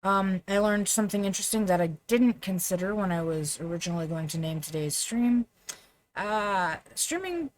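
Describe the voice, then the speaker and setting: A woman chatting casually to viewers on a live game stream, self-deprecating and full of fillers. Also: mid-range voice.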